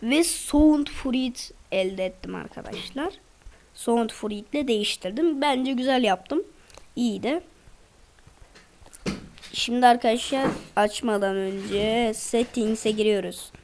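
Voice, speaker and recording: High-pitched woman gamer talking to her viewers, bit of faint background noise. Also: slow pace, darkish tone. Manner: chatty, addresses viewers constantly. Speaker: gaming channel host. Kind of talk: casual gameplay commentary.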